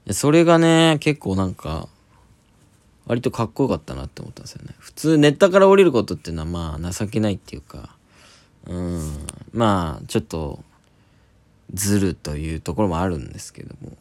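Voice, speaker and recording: A man's voice: deep voice, big pitch swings, brisk, a little mellow, no room sound. A young man, a comedian hosting a solo talk podcast, chatting casually and rambling with many fillers.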